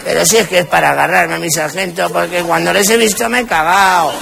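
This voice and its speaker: A man with a Spanish accent voicing a drunk man who flatters a police sergeant, slurring and overly polite, live on stage with audience noise. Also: sits high, fairly quick, vocal fry, over a noisy crowd, pitched above the performer's own voice. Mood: wheedling. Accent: Spain.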